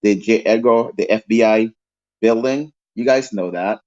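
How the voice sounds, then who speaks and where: The Haitian man speaks at a moderate pace in a voice on the low side, a little mellow, over dull audio. As a call-in panel guest, he offers strong opinions in a long-winded way, regularly adding "okay?".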